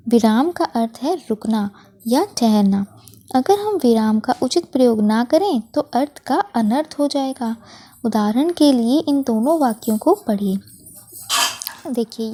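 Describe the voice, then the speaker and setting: A woman's voice: on the high side, dark tone, a little hiss or hum. A woman teacher, patiently explaining a worksheet lesson to children and correcting herself as she goes. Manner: patient, explains slowly, frequent self-corrections.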